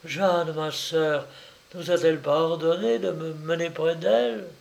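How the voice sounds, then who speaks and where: A man reading a frightened young princess and mother who pleads anxiously, in a higher voice, as an audiobook character. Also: steady tone, measured pace, creaky, darkish tone. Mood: anguished.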